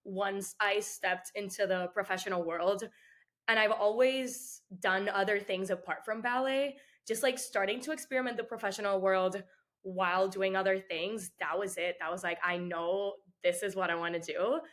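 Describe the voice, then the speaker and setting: A soft-spoken Puerto Rican dancer in her twenties answers interview questions as a guest, chatting freely and often saying "like." Her voice is medium-pitched, with fairly even intonation and a normal pace.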